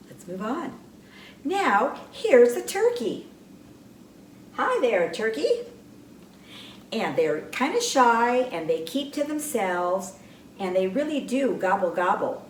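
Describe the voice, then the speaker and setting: A woman presents birds to young children in a gentle, unhurried sing-song, chatting with her bird puppets. Her pitch swoops up and down as she talks. She sounds set back from the mic in a roomy space, with a faint hum behind her. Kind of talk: children's educational talk. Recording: echoey room, mic far off, faint background hum.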